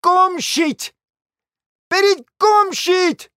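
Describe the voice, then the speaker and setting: A reader voicing a scheming society hostess who snaps sharp, shrill insults, in a dry close recording. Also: sing-song, no echo. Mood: furious.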